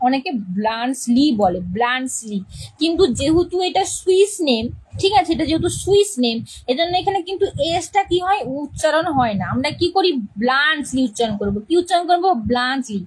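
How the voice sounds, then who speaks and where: A woman's voice: sits high, lively intonation, brisk, hardly any pauses, poor audio. A woman English teacher explaining a play's characters to students, repeating key words and often checking that they understand.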